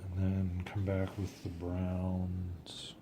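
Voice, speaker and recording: A man's voice: low voice, monotone, drawn-out words, noisy background. A man casually talking through his watercolor technique as he paints, thinking aloud and often trailing off. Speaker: watercolor artist.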